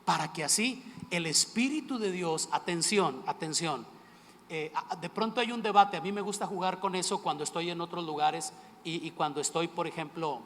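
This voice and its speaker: A man's voice: fairly high pitch, moderate pace, fairly bright tone, a little hiss or hum. A male pastor from Monterrey, Mexico, preaching a sermon with passion and bantering with the congregation. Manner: impassioned, plays to the congregation with jokes and questions. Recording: long hall reverb.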